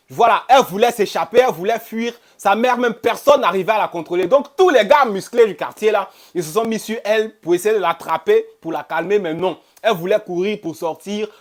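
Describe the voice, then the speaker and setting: A man telling a true-life story casually, quoting other people's words and repeating phrases for effect. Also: sits high. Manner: animated, repeats phrases, quotes others in dialogue. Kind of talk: casual first-person storytelling.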